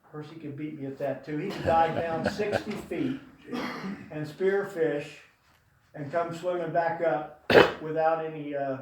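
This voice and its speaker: This older man, delivering a eulogy to an audience in a big room, rambles warmly through stories about his late brother, using many fillers. His voice sits on the high side, with a steady tone and measured pace. The recording is very noisy and very echoey, with the voice coming from far off.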